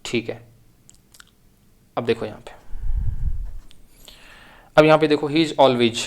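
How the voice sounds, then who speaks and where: A man teaching an exam-prep English grammar lesson, explaining step by step and repeating key phrases. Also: a little high.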